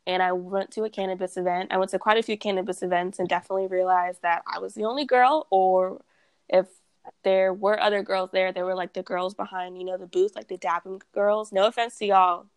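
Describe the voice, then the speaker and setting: A young woman from Texas, founder of a cannabis brand, chats casually about it as a podcast guest. Her mid-range voice is steady, smooth, and a little fast with no echo, and she laughs often and says "like" a lot.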